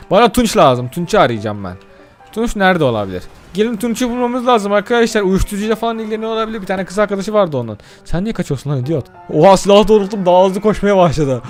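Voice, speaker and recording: A man doing excitable let's-play commentary, chatting straight to his viewers and cursing casually at the game. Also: high-pitched. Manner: addresses viewers directly. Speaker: gaming YouTuber.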